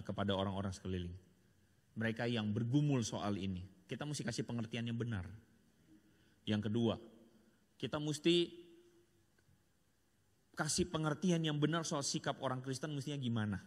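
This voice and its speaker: A man giving a church seminar talk, speaking earnestly and directly to the audience. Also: mid-range voice. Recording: long hall reverb.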